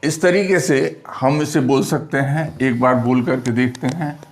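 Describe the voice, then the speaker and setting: A man teaching a classroom lesson, speaking slowly and spelling out sounds one by one, asking questions and answering them himself. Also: medium pitch.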